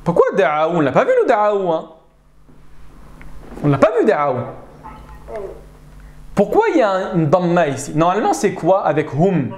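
Lively, high-pitched male Arabic teacher. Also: brisk, few pauses, roomy sound. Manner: animated, checks understanding with frequent "d'accord?". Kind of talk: live online grammar class.

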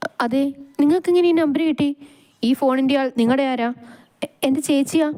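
A woman's voice: high-pitched, fairly quick, warm tone, voice pushed up, lightly acted. A woman voicing an anxious young woman who speaks in a pleading, shaky way. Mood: worried. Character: anxious young woman, worried for her sister.

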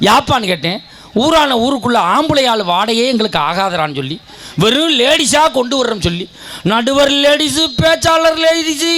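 High-voiced Kongu Tamil man on stage. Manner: storytelling with punchlines, turns loud and shouting at times. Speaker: comic debate speaker. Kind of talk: comic stage speech. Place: stage before a live audience.

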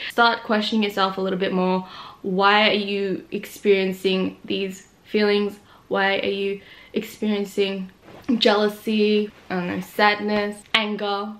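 A young woman talking casually to camera from a small bedroom, relaxed and chatty, with a laugh now and then. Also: medium pitch, measured pace. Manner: chatty, relaxed, laughs between thoughts, many "like" and "literally". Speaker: vlogger. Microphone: camera in front of her face.

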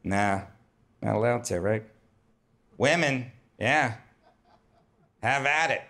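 A man's voice: mid-range voice, slow. A man doing a stand-up comedy set on a club stage, talking in a wry, conversational way into a handheld mic. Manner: wry, conversational, jumps to loud put-on whines.

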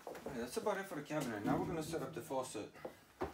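A DIY how-to host in his thirties walks through each step of a home setup in plain, matter-of-fact fragments, speaking casually in his garage workshop. His voice is on the high side, animated and rapid-fire. The camera mic picks up heavy background noise.

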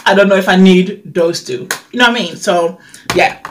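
Young woman w a lisp like shes got a retainer in, medium pitch, chatty beauty vlog style, kinda thinking out loud. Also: moderate pace, a little hiss or hum. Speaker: beauty vlogger. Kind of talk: casual chat, product review. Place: bedroom, indoors.

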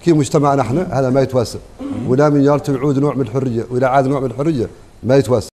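Fast-talking Mauritanian man, insistent. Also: mid-range voice, steady tone, warm tone. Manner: fast, insistent, interjects "hnini" to hold the floor. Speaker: panel guest. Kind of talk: panel debate on television.

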